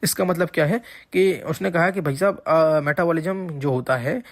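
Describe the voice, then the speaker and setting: A man gives an exam-prep lecture in a slightly high voice. He explains patiently, repeats the key points and keeps checking that students follow. The sound is dry and close to the mic. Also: normal speed, no echo. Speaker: teacher.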